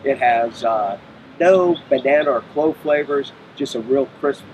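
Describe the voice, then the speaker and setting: A man's voice: mid-range voice, a little slow, a little mellow, slight background noise, rough recording. A middle-aged man, a brewery owner being interviewed, explaining in a matter-of-fact way on an outdoor patio. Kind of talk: casual interview. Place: outdoor patio by a brick wall.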